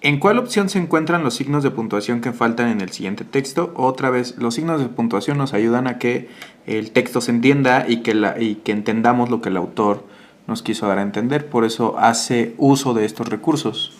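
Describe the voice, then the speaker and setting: A man who tutors exam prep, patiently walking through answers with tag questions and filler pauses. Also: medium pitch. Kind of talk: exam answer walkthrough lesson.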